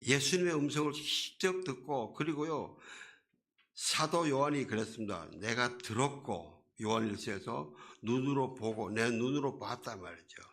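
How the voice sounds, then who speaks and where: A man's voice: medium pitch, moderate pace, fairly bright tone. A man preaching a sermon as a pastor, in a conversational way that asks the congregation questions and acts out quoted voices.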